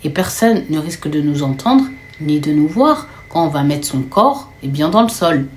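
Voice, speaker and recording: A cold, scheming eldest sister, as a woman narrator puts her on, lays out her plans in a hushed, matter-of-fact tone. Her voice drops low and soft, and she sounds calm and in control. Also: normal speed, a little hiss or hum.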